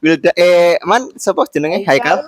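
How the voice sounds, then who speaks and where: A man's voice: sits high, normal speed, no room sound. A young man from Boyolali hosting a casual interview with his classmates, playful and jokey, with Javanese words mixed in. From Boyolali, Central Java. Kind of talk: casual school interview chat.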